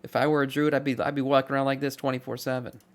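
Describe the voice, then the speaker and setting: A man's voice: mid-range voice, flat delivery, rapid-fire. A man streamer giving casual reaction commentary, blunt and chatty, swearing offhand.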